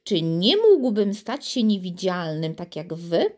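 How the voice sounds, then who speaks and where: A woman's voice: on the low side, very animated, slow pace, darkish tone, full character voice. A woman reading the lines of a worried, dreamy middle-aged city president in a storybook, sad and wistful in manner. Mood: pleading.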